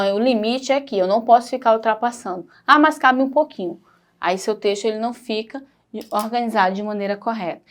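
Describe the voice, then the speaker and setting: A woman teacher with a Brazilian Portuguese accent, giving a recorded primary school lesson in a patient, explanatory way and pointing things out as she goes. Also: medium pitch.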